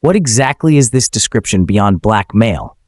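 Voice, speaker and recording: A steady, controlled middle-aged judge who keeps his words careful and measured, read by a man. The voice sits low but moves lively in pitch. The sound is dry and close, with no room around it. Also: no echo. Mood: calm. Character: calm middle-aged male judge under arrest.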